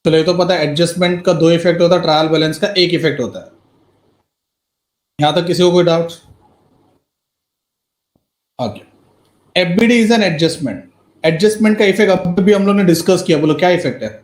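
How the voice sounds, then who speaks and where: Guy teaching accounts online, high voice, mixes english, echoey. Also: normal speed, pauses often. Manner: mixes Hindi and English, quizzes students by name. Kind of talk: live online class lecture. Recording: roomy echo.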